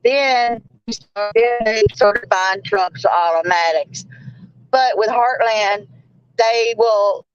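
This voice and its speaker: A woman talking in a halting, hesitant way over a video call whose audio keeps glitching and breaking up. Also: mid-range voice, smooth, faint music behind. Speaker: call-in panelist. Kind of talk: casual chat on a video call. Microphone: remote video call. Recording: dull lo-fi call line.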